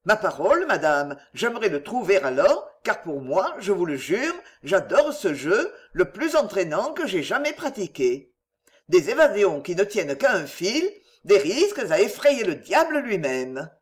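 English lord voiced by a man, warm pleasant voice, jaunty, lively. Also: high-pitched, measured pace.

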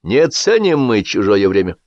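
Man putting on a gruff, irritable older official, fairly low voice, lo-fi sound. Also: sing-song, normal speed, a little mellow, dry recording.

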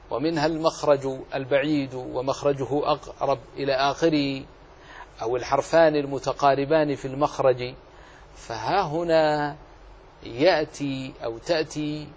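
A man teaching as a sheikh, explaining a classical poem on recitation rules line by line, deliberate and repeating key phrases for emphasis. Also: mid-range voice, slight background noise. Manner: demonstrates recitation between explanations.

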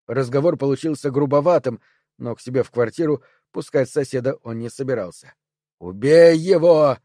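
Mellow male audiobook narrator. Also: mid-range voice, no echo, clean studio sound.

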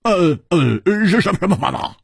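A man's voice: wildly swooping pitch, a little fast, slightly rough, dry recording, clean studio sound, exaggerated voice. A man doing a blustering, stammering swordsman. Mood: hot, blustering. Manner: stammers and shouts in high bursts. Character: hot-tempered, stammering male swordsman, middle-aged.

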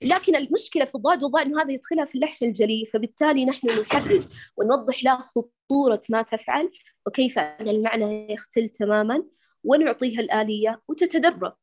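A woman's voice: fairly high pitch, fast, a little mellow. A woman instructor answering a student's question in a lecture, quoting verses and teaching lines. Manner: instructive, quotes verses and poems. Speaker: Quran recitation instructor.

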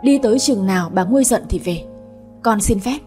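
A woman's voice: medium pitch, moderate pace, warm tone, soft background music, lightly acted. A woman voicing an earnest young husband. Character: young husband, devoted and protective.

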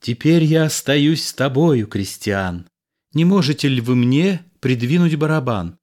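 Male reader voicing a cheerful daring young lady, raised pitch, teasing tone. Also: animated, a little slow, darkish tone, natural voice. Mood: playful. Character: lively young noblewoman, playful and bold.

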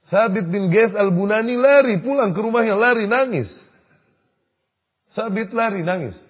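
A man preaching a sermon in storytelling mode, acting out the dialogue and rising to loud emphasis. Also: sits high, animated, unhurried, slightly rough. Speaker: Islamic preacher. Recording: dull lo-fi recording in a reverberant hall.

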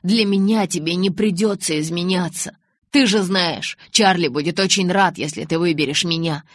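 A loud, teasing teenage boy as a woman reader puts him on pushes his case with brash confidence. The voice carries a slightly husky grain. It is recorded dry and close for an audiobook. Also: mid-range voice, expressive, moderate pace, dry recording.

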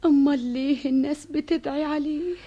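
A high but mellow Egyptian-accented voice of a worried queen mother, tender and confiding and dropping at times to a whisper, as an actress plays her. The sound is a dull, muffled old radio broadcast. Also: fairly even intonation, brisk, close to an everyday voice. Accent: Egyptian Arabic. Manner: soothing, confiding, sometimes whispering. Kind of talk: vintage radio drama acting.

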